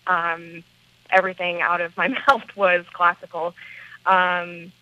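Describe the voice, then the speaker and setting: An American woman with a smoky, raspy voice, talking casually and candidly as an interview guest, with hesitant phrasing. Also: lowish voice, no room sound, dull audio. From small town in central Wisconsin, United States. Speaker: rock band lead singer, interview guest.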